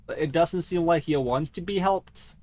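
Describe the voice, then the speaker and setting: Slightly mellow and on the high side, this game streamer's voice keeps a normal speed. He offers rambling, theatrical video game commentary laced with swearing, all in a fake voice he calls a dwarf accent.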